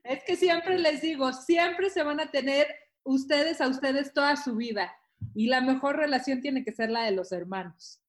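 A woman's voice: sits high, moderate pace. Woman co-host in an echoey room. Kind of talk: casual TV chat.

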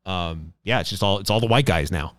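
A man's voice: deep voice, a little fast, fairly bright tone, no echo, clean studio sound. A man hosting a podcast in casual chat, rambling and chatty, often restarting his sentences. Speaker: podcast host.

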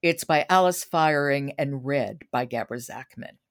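A woman with a deep, rumbling voice speaks at a measured pace. She hosts a books podcast, shifting between chatty review talk and announcements.

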